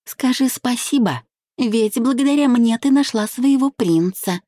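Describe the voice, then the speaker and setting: A woman's voice: a little high, animated, a little slow, warm tone, no echo, clean studio sound, voice pushed up. A woman reading an audiobook voices a jealous, spiteful young woman who mocks and shrieks.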